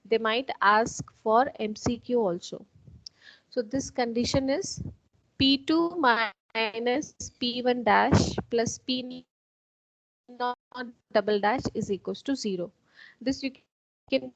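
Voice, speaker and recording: A woman's voice: on the high side, dry recording. Woman teaching math online. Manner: patient, step-by-step explaining. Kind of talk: online class lecture. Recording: dull, dry online-call audio.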